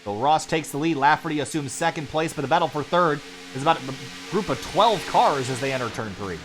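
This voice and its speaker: A man calling sim racing play-by-play as lead commentator, quick and building excitement during the action. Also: a little high, over music.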